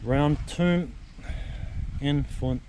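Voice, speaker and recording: A travel vlogger with a fairly high, warm voice and drawn-out words walks through rural countryside, filming on a handheld camera. He chats and muses aloud casually as he explores. The outdoor camera audio is noisy, with wind and ambient sounds.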